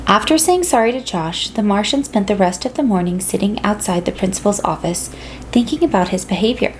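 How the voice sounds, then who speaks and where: A woman reading a children's picture book aloud, gentle and storytelling. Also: medium pitch, brisk, a little hiss or hum, poor audio. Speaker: reader.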